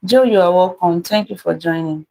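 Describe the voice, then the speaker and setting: A warm, gravelly, fairly low woman's voice comes through poor audio with a little hiss or hum. With a Nigerian accent, she hosts a math puzzle livestream, taking her time as she reads comments and repeats greetings and thanks to named viewers.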